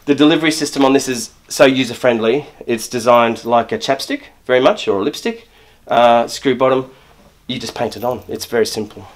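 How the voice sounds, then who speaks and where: This brisk, animated man speaks in a mid-range voice with hardly any pauses. He's a middle-aged barber in his shop, giving a step-by-step grooming demonstration of a trim and shave while working, frequently restarting and repeating himself.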